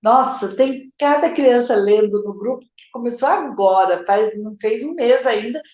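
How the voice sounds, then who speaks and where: A Brazilian woman teacher explains how to teach reading, answering viewer questions in a live session. Her voice sits a little high and she keeps checking in with her audience. The sound is roomy and somewhat dull. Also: moderate pace, darkish tone. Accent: Brazilian Portuguese. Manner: explanatory, addresses viewers directly with "gente" and "tá?".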